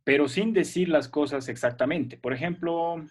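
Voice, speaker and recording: A man's voice: a little high, moderate pace. Patient man teaching kids online. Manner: patient, explaining step by step with frequent "¿ya?" checks. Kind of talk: online class for children.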